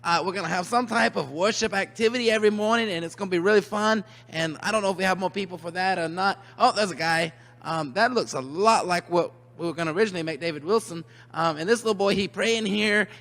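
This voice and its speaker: A man's voice: high voice, fast talker, few pauses, a bit bright. A man presenting to children in a comic rules announcement, mock-earnest, emphatic and repetitive. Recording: long hall reverb.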